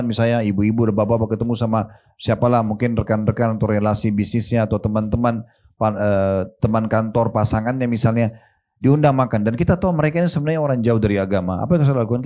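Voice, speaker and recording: A man's voice: mid-range voice, mellow. A man preaching a sermon, reciting Arabic verses and talking straight to his listeners. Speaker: Islamic preacher. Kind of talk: sermon to a seated congregation.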